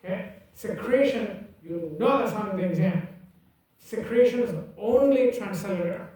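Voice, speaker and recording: A man's voice: high voice, lively intonation, normal speed, dark tone. A man lecturing a class in an emphatic, teasing way, repeating key points and checking that students follow. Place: lecture room. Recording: echoey room from far off.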